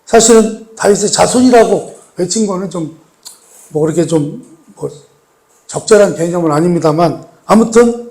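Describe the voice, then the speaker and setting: A man preaching a sermon as pastor. He asks the congregation questions, repeats key words, and moves between raised, emphatic lines and soft, hushed pleading. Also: high-pitched. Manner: addresses the congregation with rhetorical questions and repetition.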